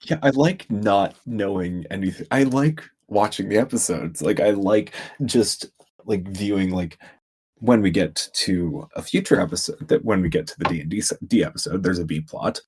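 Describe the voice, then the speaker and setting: A man with a husky voice chatting casually as a voice-actor guest, rambling through fillers and laughing often. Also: deep voice, moderate pace, darkish tone. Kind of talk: casual podcast chat.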